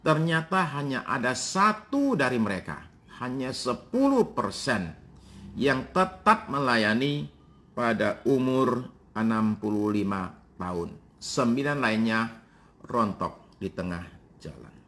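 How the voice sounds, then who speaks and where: A man in his fifties, a pastor preaching a sermon, speaking directly to his congregation with frequent pauses and fillers, answering his own questions. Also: mid-range voice, lively intonation, a bit bright. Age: 50s. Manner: addresses congregation directly, asks and answers himself.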